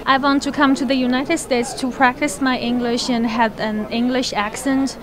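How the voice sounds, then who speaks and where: Woman student, careful speech, higher voice; crowd behind. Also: little pitch movement, normal speed. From China. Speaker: international student. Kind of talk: interview answers. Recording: outdoor crowd noise behind.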